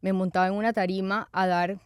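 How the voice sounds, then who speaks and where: A woman speaking, telling her life story as a guest in an earnest, animated way. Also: medium pitch, fairly quick, smooth, dry recording, clean studio sound. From Venezuela. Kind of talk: conversational interview.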